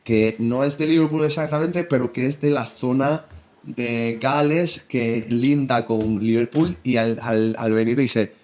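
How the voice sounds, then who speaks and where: A young man from Spain with a Spain Spanish accent, talking as a guest football analyst. He speaks in a mid-pitched voice, halting and restarting often as he searches for words. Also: darkish tone. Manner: halting, many fillers and restarts. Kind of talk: casual interview chat.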